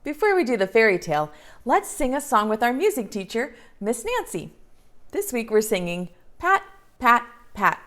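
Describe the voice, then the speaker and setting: A woman's voice: a little high, big pitch swings, normal speed, fairly bright tone. A woman hosting circle time for preschoolers, talking to them simply and enthusiastically. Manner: simple, enthusiastic address to small children. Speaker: preschool story time host. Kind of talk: children's circle time presenting.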